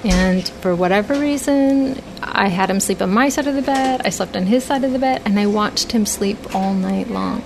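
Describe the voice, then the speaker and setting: A woman telling an earnest personal story and acting out the dialogue with lively shifts, over a noisy background. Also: medium pitch, normal speed, few pauses. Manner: earnest, animated, acts out quoted dialogue. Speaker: storyteller guest.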